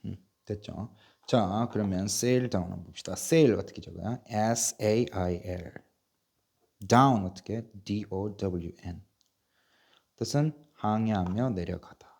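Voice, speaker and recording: A male English teacher running a patient spelling drill, spelling words out slowly letter by letter and coughing now and then from a sore chest. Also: fairly low pitch, creaky, darkish tone. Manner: patient, repetitive, asks and answers himself. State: coughing, bronchial trouble. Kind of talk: slow spelling drill lesson.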